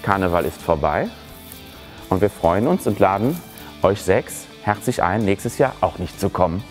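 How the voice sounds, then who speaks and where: A man's voice: low voice, animated, moderate pace. A man performing as a drag queen, delivering a catty comedic roast of fellow contestants with mocking, giggly jabs. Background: loud music.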